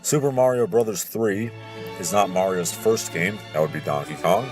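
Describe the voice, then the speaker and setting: Over classical orchestral music, a man with a low voice narrates an audiobook at a moderate pace, delivering a scripted reading with an introduction. He's both narrator and video host, and his manner is pompous and theatrical, full of grandiose diction.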